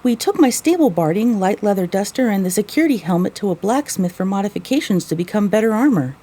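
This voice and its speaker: A female actor voices a young mare who is both heroine and narrator in an audio drama, sounding weary and wry with lively intonation. Her natural, medium-pitched voice is soft and husky, and she speaks at a quick pace.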